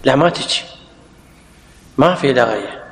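A man's voice: mid-range voice, lively intonation, measured pace, creaky, reverberant, long reverb tail. A man with a Kuwaiti Arabic accent teaching a classical Arabic lesson, dictating and repeating word forms for his students.

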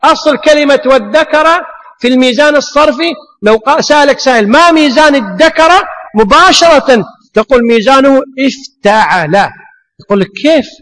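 A man teaches a class in a very high voice, moving step by step through rhetorical questions and repeating each point. His voice rings with a long reverb, as in a lecture hall. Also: animated, fairly quick, a bit bright. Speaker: teacher of Arabic morphology.

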